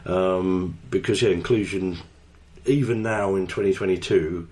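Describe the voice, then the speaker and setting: A man's voice: sits low, fairly even intonation, a little slow, a little mellow. A man hosting a radio show, chatting casually and joking at his own expense. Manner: chatty, self-deprecating. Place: radio studio.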